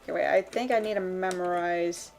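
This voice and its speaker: A woman streamer chatting casually while she draws, rambling with many fillers and quick laughs. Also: lowish voice, fairly even intonation, gravelly, a little mellow. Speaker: streamer drawing live. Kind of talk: casual chat while drawing. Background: faint background music.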